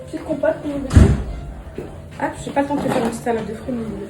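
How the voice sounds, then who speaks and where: High-voiced young mom vlogging from home. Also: female voice, fast. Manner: rambling, animated, with many restarts; coos affectionately to her children. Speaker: vlogger and mother. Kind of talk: casual vlog chat to viewers. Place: home with kitchen. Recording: echoey room with background noise.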